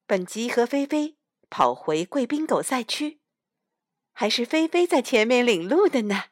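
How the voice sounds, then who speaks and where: Slow, expressive woman storyteller. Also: a little high, dry recording, clean studio sound. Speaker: mother reading to her child. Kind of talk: reading a picture book aloud.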